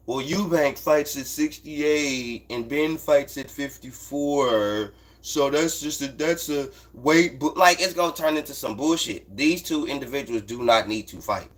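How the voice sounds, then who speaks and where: American man, casual sports commentary, blunt and profane, emphatic slang, medium pitch, repeated phrases. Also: a bit bright, slightly rough. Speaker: host of a boxing talk livestream. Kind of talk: casual unscripted sports commentary, answering chat.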